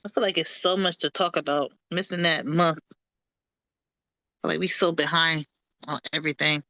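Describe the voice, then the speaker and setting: A woman with a somewhat low voice talks in a chatty, rambling way, filling her speech with "like." She is heard on a dry video call. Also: fairly even intonation, normal speed, pushed and bright, no room sound, lo-fi sound. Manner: chatty, repeats herself with many "like"s. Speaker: commission member. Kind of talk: casual meeting talk.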